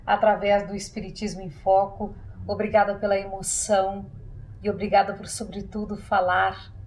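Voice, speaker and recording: A woman's voice: mid-range voice, level tone, normal speed, darkish tone, low-quality recording. A woman hosting a TV interview show in a studio, speaking in an earnest, effusive way as she closes the program. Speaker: TV show host. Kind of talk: closing a televised interview.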